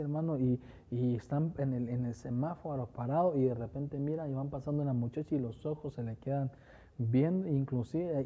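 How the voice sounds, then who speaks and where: A man's voice: medium pitch, mellow, lo-fi sound. A man preaching a sermon as pastor, often calling listeners "hermano" and restarting his phrases. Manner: repeatedly addresses listeners as "hermano", with fillers and restarts.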